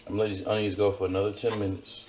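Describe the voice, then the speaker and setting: A man's voice: lowish voice, completely flat delivery, racing, noisy background. A man casually showing how he cooks a steak in his home kitchen, emphatic and repeating his points. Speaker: home cook vlogger. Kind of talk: casual cooking demonstration. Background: sizzling pan on a stove.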